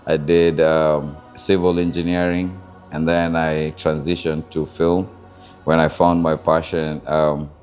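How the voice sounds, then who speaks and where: A Kenyan man with a notably low voice talks through his story as an interview guest. He speaks reflectively, pausing often with fillers while he searches for the right words. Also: little pitch movement, a little mellow, soft background music. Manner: thoughtful, searching for words with many pauses and fillers. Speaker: interview guest, founder of a culture group.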